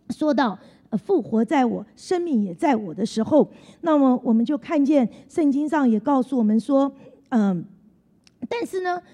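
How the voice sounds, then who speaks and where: A woman's voice: high-pitched, warm tone. A woman preaching a sermon in an earnest tone, repeating her key phrases. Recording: long hall reverb.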